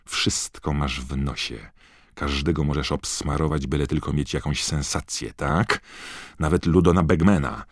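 A man's voice: extremely low pitch, moderate pace, no echo, clean studio sound. A man voicing a clever, indignant teenage schoolgirl witch in an audiobook, lecturing and biting. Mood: seething. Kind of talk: audiobook character voice.

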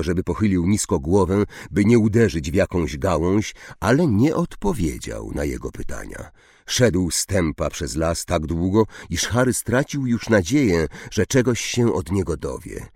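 Man narrating an audiobook, low voice, slow and lively, dry close sound. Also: slightly rough, no room sound. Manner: slow, expressive storytelling.

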